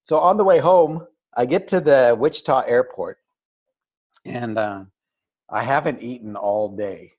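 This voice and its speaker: An older man with a mid-range voice speaks at a measured pace. He's a guest being interviewed on a video call, telling a story casually and animatedly imitating those he quotes.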